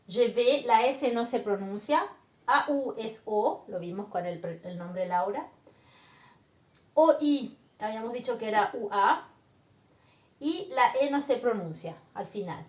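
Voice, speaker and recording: A woman teaching beginner French, explaining slowly and patiently and often checking that her students follow. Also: medium pitch, echoey room. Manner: slow, patient explaining with frequent check-ins. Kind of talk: beginner language lesson.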